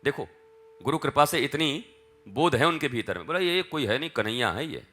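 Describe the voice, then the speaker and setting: Bright-voiced man telling a devotional tale. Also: medium pitch, animated, normal speed. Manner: acts out dialogue in dialect, swings from hushed chant to loud calls. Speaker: spiritual teacher. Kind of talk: devotional storytelling sermon.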